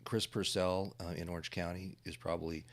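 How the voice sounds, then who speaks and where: A man, a defense trial lawyer, talking on a podcast panel in a halting way with many fillers. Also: sits low, level tone.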